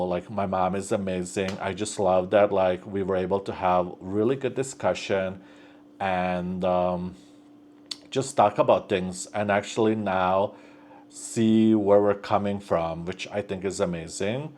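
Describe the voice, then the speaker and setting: Here the young vlogger sounds low and a bit dark, with fairly even intonation and a somewhat slow delivery, plus a little hiss or hum. He rambles casually at home during a build project, restarting often and leaning on fillers. His roots are in the Bosnia and Slovenia region, though he grew up in North America from thirteen.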